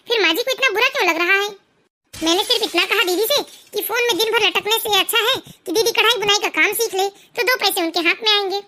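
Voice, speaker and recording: A woman voicing a calm young daughter-in-law in an animated story, and she speaks in a very high, bright voice. She argues her case politely and point by point.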